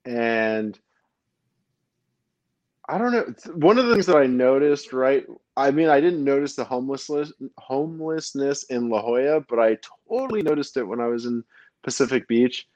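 A man's voice: medium pitch, expressive, normal speed, darkish tone, no echo. A man from Brooklyn hosting a podcast in casual chat, rambling with plenty of fillers and restarts. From Brooklyn, New York. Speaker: podcast host. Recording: dull lo-fi dry sound.

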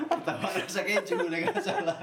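A man's voice: sits high, huge pitch swings, measured pace, over a noisy crowd. A young man from Lampung, casually telling a story as a guest, swearing often and laughing through it. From Lampung, Indonesia. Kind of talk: casual chat. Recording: roomy echo.

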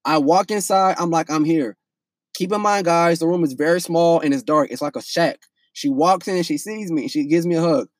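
A young man telling a story in a casual, profane, animated way, full of restarts. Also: a little high, moderate pace, dry recording.

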